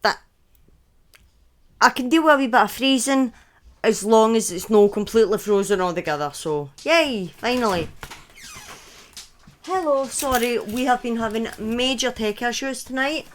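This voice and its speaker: A little hiss or hum runs under the voice of a Scottish woman in her thirties, whose pitch is on the high side. She talks at normal speed but pauses often, casually narrating true crime on a live stream with frequent chatty asides and self-corrections.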